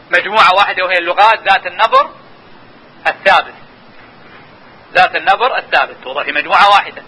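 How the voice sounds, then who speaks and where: A man's voice: sits high, bright, forceful tone, rough recording. A man giving a linguistics lesson, explaining patiently and telling listeners to watch and notice. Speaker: linguistics lecturer. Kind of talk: classroom lecture.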